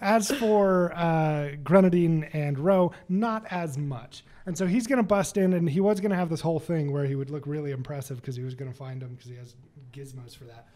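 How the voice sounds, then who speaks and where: A man narrates a tabletop game as game master, chatty and upbeat. His voice sits a bit high, and his speech is loose and full of fillers. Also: moderate pace, dark tone.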